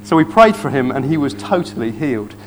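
A man preaching, telling a testimony story in church with earnest excitement. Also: mid-range voice, brisk, slight background noise.

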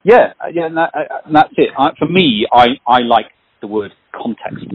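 A man's voice: medium pitch, normal speed, slightly rough, narrow, tinny audio. A man in his forties hosting a casual conversation, telling stories animatedly and swearing now and then. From British. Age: 40s. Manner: animated storyteller, swears, acts out voices. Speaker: podcast host.

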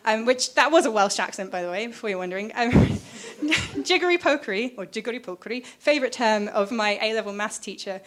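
A woman's voice: medium pitch, quick pace, few pauses. A woman, a scientist, explaining physics informally to listeners, chatty and enthusiastic, with lots of fillers and restarts. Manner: chatty and enthusiastic, full of fillers and self-corrections.

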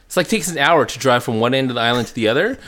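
A man chatting casually as an interview guest, telling stories haltingly with repeated words and restarts. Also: mid-range voice, expressive, a bit bright. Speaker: food enthusiast interview guest. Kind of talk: casual storytelling chat. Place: home basement.

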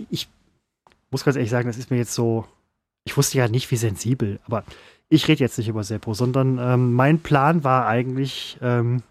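A man's voice: medium pitch, darkish tone. A man co-hosting a podcast in casual banter, talking hesitantly with many restarts and getting defensive. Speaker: podcast co-host.

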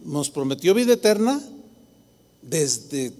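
A man with a Mexican Spanish accent preaching a sermon as pastor, animated and acting out the voices of churchgoers. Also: on the high side, slow. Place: large church hall. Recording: long hall reverb.

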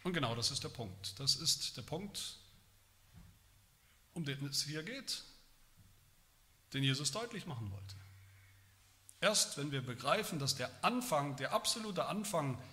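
A man delivers a sermon in a bright, forceful voice that sits a little high. He is emphatic and swells loud on quoted lines. A long reverb trails each phrase, as in a church hall. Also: big pitch swings, unhurried, long pauses. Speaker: preacher.

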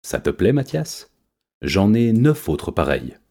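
A man's voice: on the low side, takes it slowly, pitched above the performer's own voice, full character voice. A man doing a cool, menacing tomcat. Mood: calm. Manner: calm, menacing. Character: calm, fearless male cat.

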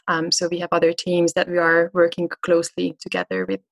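Woman in her thirties, interview guest, halting delivery with frequent fillers. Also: fairly low pitch, sing-song. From Hungary. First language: Hungarian. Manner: hesitant, frequent filler sounds. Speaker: guest investment manager. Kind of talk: conversational interview answers.

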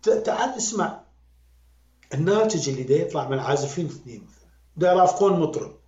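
A man with an Iraqi accent, a music critic and podcast guest, talking in an animated, emphatic way and repeating words to drive his point home. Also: fairly high pitch, fast talker. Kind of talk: conversational critique. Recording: roomy, dull lo-fi sound.

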